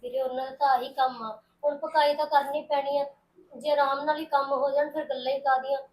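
An actress playing a caring young woman who calmly reassures and comforts. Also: sits high, a little fast, slight background noise, natural voice, poor audio. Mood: reassuring. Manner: soothing, reassuring. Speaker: young sister-in-law. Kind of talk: Punjabi web-series acting.

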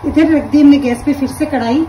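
High-voiced woman teaching home cooking. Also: brisk, far from the mic, slight background noise, rough recording. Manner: calm, explains each step while cooking. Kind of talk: step-by-step cooking instruction. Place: home kitchen at the stove.

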